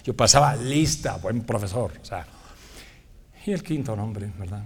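Male preacher, humorous storyteller, lively delivery, slightly high, faint ambient hiss. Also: unhurried, gravelly. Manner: animated, joking, often laughing at himself.

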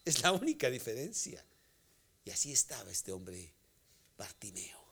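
A man with a Mexican accent preaching a sermon, swinging from loud, forceful phrases to whispered endings. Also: medium pitch, huge pitch swings, normal speed, gravelly.

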